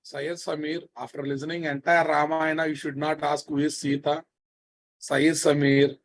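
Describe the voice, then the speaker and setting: A programming teacher with a Telugu Indian accent lectures live in a fairly high, level voice at a moderate pace. He repeats phrases and keeps checking on his students with familiar, prodding, somewhat scolding questions.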